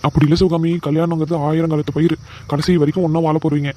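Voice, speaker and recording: A man's voice: on the high side, flat delivery, dark tone, lightly acted. A man voicing a cautious cartoon father. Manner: measured, advising. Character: cautious middle-aged father. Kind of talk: cartoon voice acting.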